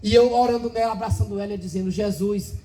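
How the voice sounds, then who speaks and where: Man, church testimony sermon, very high voice, dark mellow tone, fervent and repetitive. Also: steady tone, very fast, slight background noise, low-quality recording. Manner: fervent, emotional storytelling with many repetitions. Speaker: preacher. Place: church service.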